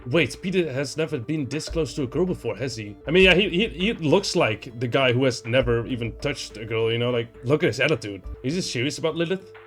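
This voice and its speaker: A young man playing an indie horror visual novel, reading its text aloud and reacting in an animated way, swearing and saying "like" a lot. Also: medium pitch, fairly quick, few pauses, soft background music. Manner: animated, swears, heavy use of "like".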